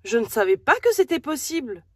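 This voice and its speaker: A wide-eyed little hedgehog boy, acted out by a woman in a storybook told to a toddler. The voice is lively, questioning and fairly high. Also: brisk, no room sound, clean studio sound. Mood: amazed. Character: curious, naive young male hedgehog.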